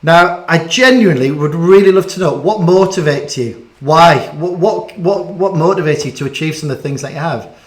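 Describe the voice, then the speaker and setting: A man with a slightly high voice hosts a casual question-and-answer chat about a school bedtime story. He's chatty and self-deprecating, often trips over his words, speaks at a moderate pace, and the room is noticeably echoey.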